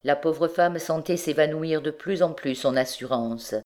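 A woman narrating a classic novel as an audiobook in a measured, even way. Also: low-pitched. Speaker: audiobook reader.

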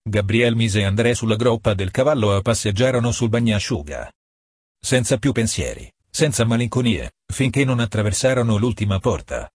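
A man reading a story aloud as an audiobook narrator, in a measured way that slows for emphasis. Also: lowish voice, animated, a little mellow, breathy edge, no echo, studio quality.

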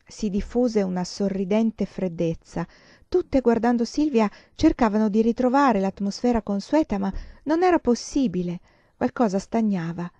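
Warm-voiced woman reading a novel. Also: mid-range voice, expressive, moderate pace, dry recording. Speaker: audiobook reader. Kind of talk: literary audiobook reading.

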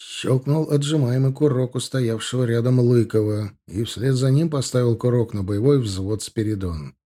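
A man narrating an audiobook in a steady, measured storytelling manner. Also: medium pitch. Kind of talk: scripted narration.

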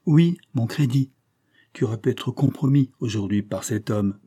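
A man's voice: fairly low pitch, moderate pace, dark tone, breathy edge. A man voicing a stern, indignant middle-aged banker who speaks in a raised, vibrant voice.

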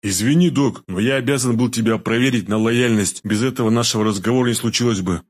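A man voicing a world-weary male deputy commander who speaks slowly in a rueful, confiding way. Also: mid-range voice, close to an everyday voice.

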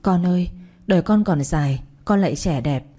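A woman's voice: on the low side, moderate pace, dark tone, natural voice. A woman voicing a desperate pleading mother. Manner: pleading, tearful. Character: desperate middle-aged mother begging her daughter.

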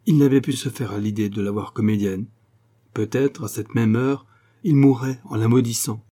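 A man narrating a classic novel as an audiobook, in a measured, expressive reading. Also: mid-range voice.

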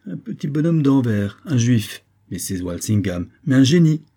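A man reading aloud voices an effusive, flattering middle-aged army major with a theatrical, gushing manner. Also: mid-range voice, moderate pace, voice pushed up. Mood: jovial.

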